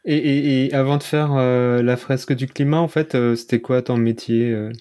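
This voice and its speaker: A man hosts a casual podcast interview, introducing his guest and asking questions. He often stumbles and repeats words, and his voice sits at an ordinary middle pitch. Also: steady tone, normal speed, warm tone. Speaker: podcast host.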